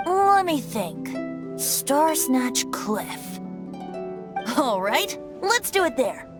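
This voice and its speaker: High-voiced playful boy bard Venti. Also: sing-song, extremely slow, music in the background, full character voice. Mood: breezy. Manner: breezy, lilting, self-dramatizing. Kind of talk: anime-style game voice acting.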